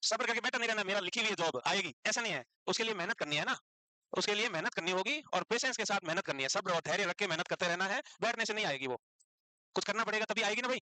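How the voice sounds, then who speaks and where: A man lectures a classroom, teasing and scolding his students as he quizzes them. His voice sits high and rings bright and forceful. The sound is dry and close. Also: animated, racing, no echo, poor audio. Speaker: teacher.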